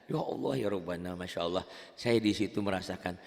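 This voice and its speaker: A man's voice: sits low, a little fast, gravelly, a little mellow, long reverb tail. A man with a Javanese accent teaching Quran reading in an online lesson, chatting and drilling syllables. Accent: Javanese Indonesian. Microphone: online call.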